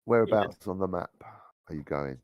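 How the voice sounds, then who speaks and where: A man running a tabletop horror game as game master, talking in a halting way with many restarts. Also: sits low, expressive, no echo, muffled recording.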